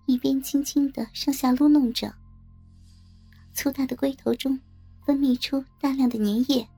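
A woman narrating an erotic story in a soft, slow, intimate reading voice. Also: sits high, creaky, slightly rough. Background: faint music.

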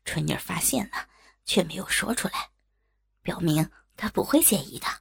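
Woman doing a middle-aged father, scheming, coaxing, deep put-on voice, gravelly, half-whispered, faint music behind. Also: expressive, normal speed, exaggerated voice. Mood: whispered urging. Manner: low coaxing murmur, inner thoughts whispered.

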